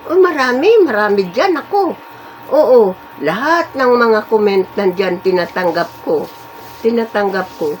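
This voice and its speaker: A woman's voice: medium pitch, lively intonation, measured pace, a little mellow, slight background noise, low-quality recording. A woman in her eighties chatting casually as a vlogger. She rambles and stresses her points, often stopping to affirm what she just said. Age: 80s. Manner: chatty, rambling, emphatic, repeats and affirms with fillers. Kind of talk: casual chat.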